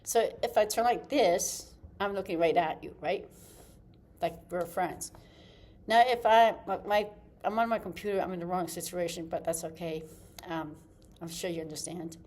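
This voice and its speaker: A woman's voice: lowish voice, moderate pace, darkish tone. Woman, acting teacher, casual lesson, chatty, restarts sentences, demonstrating to camera. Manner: chatty, demonstrates with her body, trails off and restarts.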